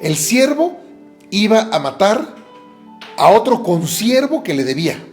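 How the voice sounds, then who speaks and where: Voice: mid-range voice, big pitch swings, a little slow, a little mellow. Mexican accent, preacher, earnest sermon, repeats and corrects himself, faint music under. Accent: Mexican Spanish. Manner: earnest retelling with repetitions and self-corrections. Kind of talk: sermon podcast.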